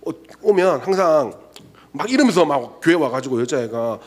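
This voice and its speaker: A man in his forties preaches a youth sermon in a church, telling stories and acting out the voices in them. His voice sits a little high and swings widely. He sometimes drops to a soft, hushed tone for emphasis. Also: normal speed. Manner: animated storytelling, acts out quoted voices, drops to soft hushed tones for emphasis. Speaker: youth pastor. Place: church sanctuary.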